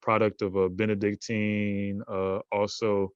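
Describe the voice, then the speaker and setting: A man's voice: lowish voice, level tone, a little slow, smooth, no room sound, lo-fi sound. A man as a podcast guest in casual chat, rambling with many fillers and restarts and laughing often. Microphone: remote recording.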